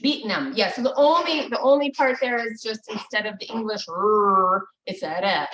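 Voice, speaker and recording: A woman teaching a language lesson over a video call, patient and encouraging, often pausing with ums. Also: mid-range voice, a bit bright. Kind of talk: live online language lesson. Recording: echoey, distant video call audio.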